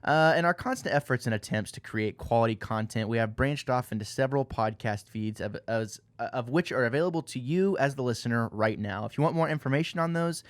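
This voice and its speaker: A man's voice: medium pitch, fairly quick, few pauses, no room sound. A man hosting a casual gaming podcast, talking in a rambling, friendly way with lots of fillers. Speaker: podcast host.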